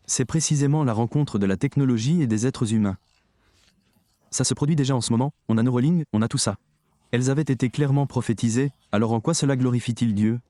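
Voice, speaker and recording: A man's voice: mid-range voice, fast, dark tone, dry recording. A man preaching a sermon, talking emphatically and straight to his audience. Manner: emphatic, addresses the audience directly.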